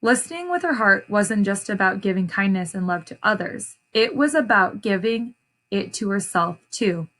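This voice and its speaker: Animated and fairly bright, this mid-range female voice belongs to an educator reading a story aloud to children. She breaks off periodically to ask them questions and explain what's happening.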